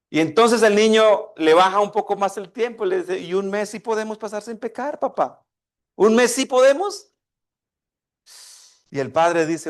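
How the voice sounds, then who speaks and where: A man preaching a sermon, asking his congregation questions and acting out a dialogue between a father and his child. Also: high-pitched. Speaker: pastor.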